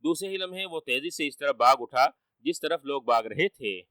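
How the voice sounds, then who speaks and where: A man narrating a children's story in a steady, measured manner, recorded on a distant dry mic. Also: on the high side, no echo.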